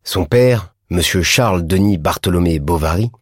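A man narrating a classic novel in a measured, deliberate reading. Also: low-pitched, dry recording, studio quality. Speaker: audiobook narrator.

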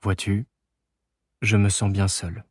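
A man's voice: fairly low pitch, flat delivery, fairly quick, darkish tone, dry recording, clean studio sound, lightly acted. A man reading an audiobook, voicing an emphatic, self-pitying father in his fifties. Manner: emphatic, sighing. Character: fifty-year-old father, self-pitying and pompous.

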